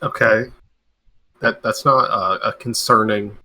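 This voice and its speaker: A man's voice: lowish voice, fairly even intonation, slow, pushed and bright. A man playing a tabletop game, talking in a dry, wry way and sometimes speaking in character. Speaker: player. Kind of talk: casual tabletop game chat, partly in character.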